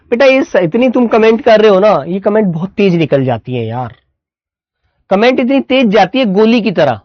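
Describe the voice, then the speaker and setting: A male Hindi teacher giving an online class, slowly dictating words and calling his students "beta" and "my dear children.". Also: high-pitched, no echo, highs cut off.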